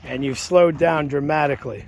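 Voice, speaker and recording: A woman filming a nature walk, asking a child soft, coaxing questions from behind the camera. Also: sits low, normal speed. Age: adult. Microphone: camera mic, speaker off camera.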